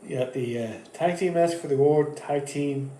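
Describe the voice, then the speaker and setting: A wrestling channel host talks through his wrestling picks in a casual, rambling monologue at a moderate pace, full of fillers and sentences he stops and restarts. His voice is mellow and dark yet on the high side, and the echoey room adds a roomy echo and a faint background hum.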